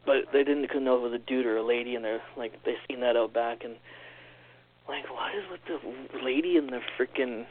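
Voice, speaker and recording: A man telling a strange personal story in a casual, animated way, acting out what others said, on a phone-like recording. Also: medium pitch, slight background noise. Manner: animated, quick storyteller acting out quoted lines. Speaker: podcast guest. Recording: tinny phone-like line.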